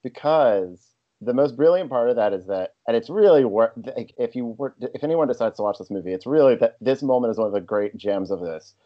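A man's voice: medium pitch, lively intonation, fairly quick, dull audio. A man co-hosting a podcast, joking in casual chat with rambling asides. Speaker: podcast co-host.

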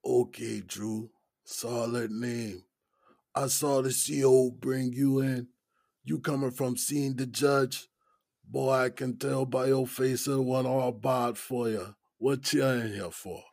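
A man playing Smokey, a gravelly old inmate. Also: steady tone, slow, a little mellow, dry recording, clean studio sound. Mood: easygoing. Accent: Gullah Geechee. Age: 60s. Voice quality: deep, raspy. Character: older male inmate, laid-back smoker. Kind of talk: audio drama acting.

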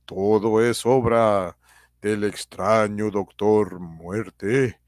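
A man acting as a dramatic old radio serial announcer, with slow, suspenseful, theatrical delivery. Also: fairly low pitch, fairly even intonation, darkish tone, dry recording. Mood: ominous suspense.

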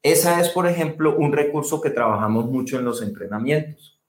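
A man's voice: on the high side, lively intonation, a little fast. A man, a speaking coach, explaining technique expressively as an interview guest and stressing words to demonstrate. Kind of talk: animated explanatory talk. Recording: roomy echo.

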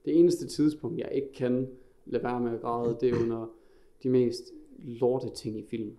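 A man's voice: medium pitch, fairly even intonation, mellow. A man talking as a podcast guest, speaking candidly in a rambling way with frequent restarts. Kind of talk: casual chat.

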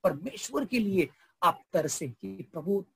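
Brief: male pastor, sermon delivery, husky tone, audience prompts throughout. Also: high-pitched, a little slow, dry recording, clean studio sound. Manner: lively storytelling, frequent audience prompts.

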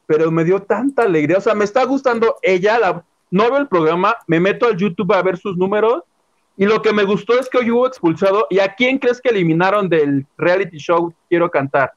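A man's voice: high voice, animated, brisk, highs cut off. A man with a Mexican accent co-hosting a casual entertainment chat, gossiping dramatically about a TV singing show. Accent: Mexican Spanish. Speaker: show co-host.

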